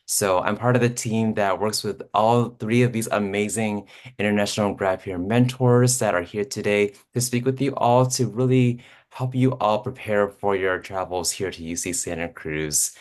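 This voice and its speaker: A man's voice: on the low side, normal speed. A middle-aged man, a program administrator, giving upbeat, effusive welcoming remarks. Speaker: assistant director of student programs.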